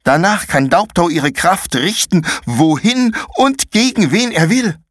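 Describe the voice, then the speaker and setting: A man's voice: high-pitched, expressive, measured pace, no room sound, clean studio sound, voice pushed up. A man voicing an angry young girl warrior in a fantasy audiobook, scolding and bossy. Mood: urgent. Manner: sharp, scolding.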